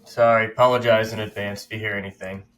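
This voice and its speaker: A man co-hosting a podcast while sick with a cold, relaxed and explanatory. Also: lowish voice, fast talker, slight background noise. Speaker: podcast co-host. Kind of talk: casual podcast chat.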